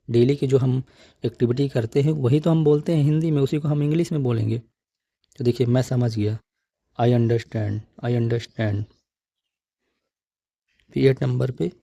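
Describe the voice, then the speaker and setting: A male English teacher giving a spoken lesson, slowly repeating phrases for practice in an encouraging tone. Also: medium pitch, gravelly, warm tone, no echo, clean studio sound. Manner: encouraging, coaxing tone.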